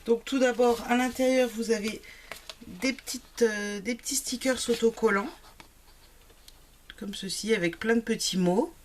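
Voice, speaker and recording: Higher-voiced woman chatting about craft supplies, lots of ums, a bit of hiss behind. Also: measured pace. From Italian family background. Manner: chatty, frequent fillers. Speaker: craft vlogger. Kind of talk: casual product haul chat.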